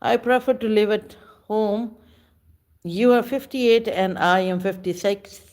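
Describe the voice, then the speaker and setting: A woman, chatting casually with viewers on a livestream in slow, halting speech with many pauses. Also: medium pitch, steady tone, a little mellow. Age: 50s. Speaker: livestream host. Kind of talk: casual live chat with viewers.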